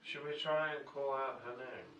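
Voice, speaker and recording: A man's voice: medium pitch, fairly even intonation, normal speed, music in the background. A man talking casually as a player in a tabletop game. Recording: very noisy, echoey room, distant mic.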